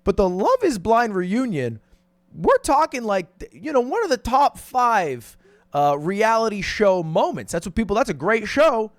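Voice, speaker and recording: Animated, high-voiced man in exasperated commentary. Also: unhurried, dry recording. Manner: blunt, frequent swearing, exasperated. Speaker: online commentator. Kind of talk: animated opinion video commentary.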